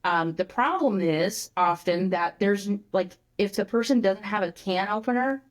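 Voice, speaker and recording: A woman who is a guest on a podcast, explaining her ideas in an animated, casual way with many filler words. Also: mid-range voice, a little slow. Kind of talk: conversational interview.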